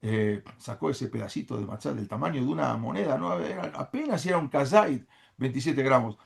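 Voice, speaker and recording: Gravelly-voiced man telling a story. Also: mid-range voice, brisk. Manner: animated storyteller with frequent "eh" fillers. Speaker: speaker at a religious class. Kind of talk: storytelling lecture.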